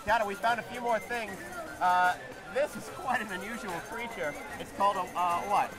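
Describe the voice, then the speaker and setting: A man's voice: high-pitched, moderate pace. A middle-aged man with a lapel mic hosts a travel food show from a busy outdoor fish market, exclaiming often and laughing easily. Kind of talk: enthusiastic travel show presenting. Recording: loud crowd and music behind. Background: crowd chatter and background music.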